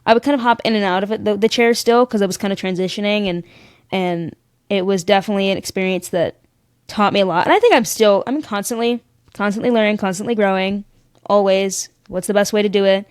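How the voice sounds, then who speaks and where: A woman's voice: mid-range voice, fast talker, clean tone, no echo. A woman tells stories with sass and energy, acting out the people she met along the way. Her voice sits in a middle range. The sound is dry and close, with no room around it. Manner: animated, sassy, acts out voices in her stories. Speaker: podcast guest. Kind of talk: casual storytelling chat.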